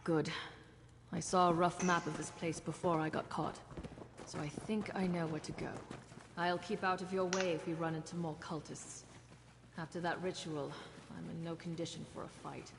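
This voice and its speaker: A wary, practical woman gambler talks in a dry, matter-of-fact way in a lowish voice. A long reverb tail and faint noise sit under her lines. She is a video game character. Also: fairly even intonation, moderate pace, creaky. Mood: guarded.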